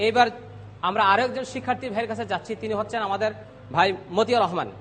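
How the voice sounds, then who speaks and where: High bright-voiced male recitation teacher. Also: in a large hall, slight background noise. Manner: slow, instructive, repeats letters loudly for students. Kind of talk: televised pronunciation lesson. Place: TV studio.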